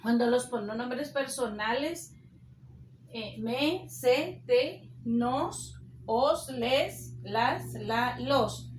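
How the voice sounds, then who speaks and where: A woman teacher giving a recorded spelling lesson, dictating rules slowly and deliberately. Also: fairly high pitch, expressive, echoey room, slight background noise.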